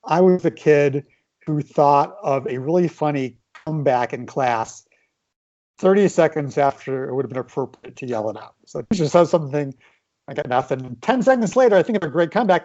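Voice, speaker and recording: A man's voice: on the high side, a little fast, a little mellow. Self-deprecating man from the Midwest, lo-fi. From American Midwest. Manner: self-deprecating, loose, many fillers and restarts. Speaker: children's book author. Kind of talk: casual interview. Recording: dull lo-fi sound.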